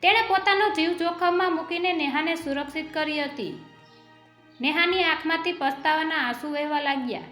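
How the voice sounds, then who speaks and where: A woman narrating a dramatic story in a steady, scripted storytelling manner. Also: sits high, moderate pace. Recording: echoey room with faint music.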